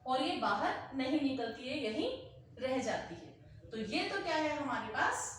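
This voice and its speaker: A woman teacher explaining a grammar lesson slowly, repeating example words aloud to demonstrate. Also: high-pitched, sing-song, a little hiss or hum. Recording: very echoey room, heard from a distance.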